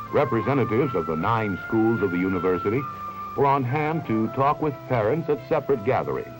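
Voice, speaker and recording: A man narrating a 1970s newsreel in a measured, formal announcer delivery. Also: lowish voice, rough recording. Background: music bed.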